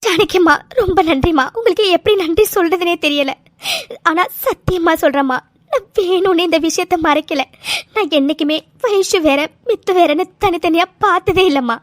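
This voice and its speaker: A humble cartoon mother begging forgiveness in a very high, thin voice, as a woman voices her. Her pleading stays earnest and apologetic, recorded close and completely dry. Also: normal speed, dry recording. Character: pleading mother, soft-spoken and tearful. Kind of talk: cartoon voice acting.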